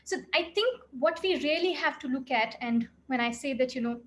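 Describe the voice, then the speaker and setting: A woman's voice: high voice, lively intonation, normal speed. A woman, a clinical psychologist giving an earnest, reflective expert talk with frequent "you know" fillers. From India.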